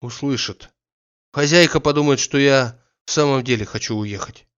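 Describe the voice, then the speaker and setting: A man reading the part of a weary, timid grown man who answers quietly and pleadingly, in a slightly dull recording. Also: mid-range voice, normal speed, clear, resonant tone, lightly acted. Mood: hushed.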